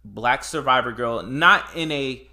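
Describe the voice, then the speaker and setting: A man's voice: medium pitch, measured pace, sharp tone. A man co-hosting a casual film chat, speaking emphatically and repeating words for stress. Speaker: podcast co-host.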